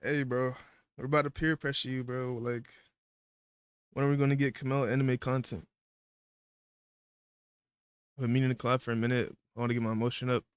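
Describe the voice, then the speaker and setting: A man's voice: medium pitch, flat delivery, fast talker, smooth, dry recording, studio quality. Laid-back man chatting while eating. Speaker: livestream guest. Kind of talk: casual livestream chat.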